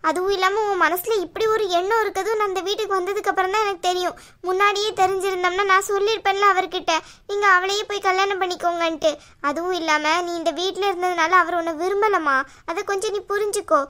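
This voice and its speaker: A woman's voice: very high-pitched, steady tone, fast, sharp tone. A woman voicing a patient young wife in a cartoon, talking in an earnest, pleading way. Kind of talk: cartoon voice acting.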